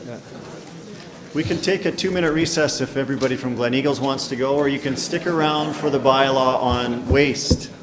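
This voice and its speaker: A man chairing a town council meeting in a relaxed, joking way. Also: mid-range voice, normal speed. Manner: easygoing, joking. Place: council chamber. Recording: echoey council chamber with background noise.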